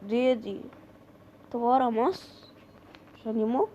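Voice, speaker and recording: A woman's voice: fairly high pitch, expressive, moderate pace, mellow, muffled recording, slight background noise. A woman with an Egyptian accent chatting to her viewers while playing a horror game, yelping when startled. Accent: Egyptian Arabic. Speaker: gaming creator. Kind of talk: horror game let's play commentary.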